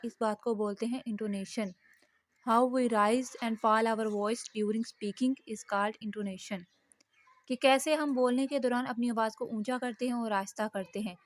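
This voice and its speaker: A woman teaching a linguistics lesson, patiently explaining each point and slowly reading out English examples. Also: on the high side.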